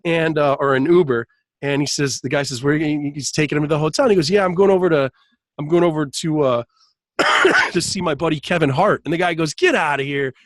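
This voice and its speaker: A man with a somewhat high voice tells a long story in a relaxed podcast conversation. He laughs often and jumps his voice up when acting out what others said. The sound is dry and close to the mic. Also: brisk, no room sound. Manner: animated, laughs often, acts out quotes in raised voice. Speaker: podcast guest, hypnotist. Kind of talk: casual storytelling chat.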